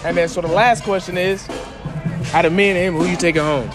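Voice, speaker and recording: A young man hosting a casual street interview outdoors at night, talking loud, hyped and slangy. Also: high-pitched, fairly even intonation, fairly quick. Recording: loud music over street noise.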